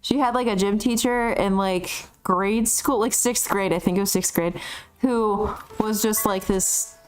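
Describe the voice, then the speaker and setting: A woman's voice: mid-range voice, a little slow. A young woman telling a family story while gaming, rambling and full of fillers. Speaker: streamer.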